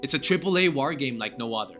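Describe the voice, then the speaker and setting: A young man delivers enthusiastic scripted narration for a gaming video over soft background music. His voice is bright and punchy at a middle pitch, and his wording is casual and full of gushing emphasis. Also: animated, fast talker. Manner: gushing, informal.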